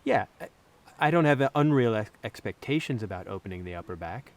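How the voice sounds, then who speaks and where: A man's voice: mid-range voice, animated, brisk. A man answering interview questions, explaining spine and shoulder anatomy in a thinking-aloud, conversational way.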